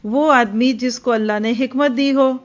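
Female religious teacher, earnest and explanatory, mid-high voice, dull lo-fi recording. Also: fairly even intonation. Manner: earnest, explanatory, acts out quoted dialogue; mixes English words into her speech. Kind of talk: Islamic lecture.

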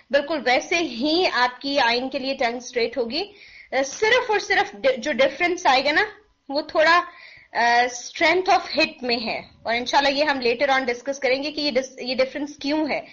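A woman teaching recitation, demonstrating each sound slowly and mixing in English phrases, with a sore throat that she keeps clearing. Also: sits high, fairly bright tone, highs cut off. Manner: mixes English phrases into Hindi-Urdu. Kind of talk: pronunciation lesson.

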